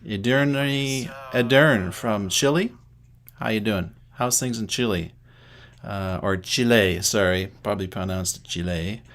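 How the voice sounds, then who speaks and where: A man's voice: on the low side, unhurried, a bit bright. A middle-aged man from Canada hosting a casual livestream, chatting to viewers by name and thinking aloud as he sets things up. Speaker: livestream host.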